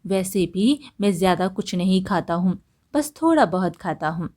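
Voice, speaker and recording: A woman's voice: on the low side, animated, moderate pace, darkish tone. A woman voicing a cheeky, chatty male parrot with a teasing manner.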